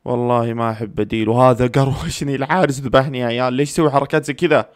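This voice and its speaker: A man's voice: medium pitch, fairly even intonation, very fast, no room sound, clean studio sound. A man reacting live to a football match, anxious and pleading, repeating the same phrases again and again.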